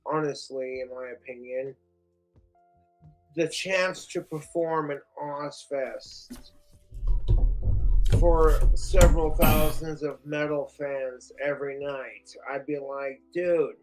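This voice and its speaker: Slow, profane ranting man. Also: a little high, fairly even intonation, soft background music, low-quality recording. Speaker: streamer. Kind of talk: casual ranting chat.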